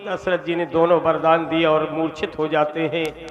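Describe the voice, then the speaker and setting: A man's voice: a little high, level tone, normal speed, highs cut off, a crowd in the background. A man narrating a scripture story as a devotional storyteller, in dramatic, emotive tones. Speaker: religious storyteller. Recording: live stage with music.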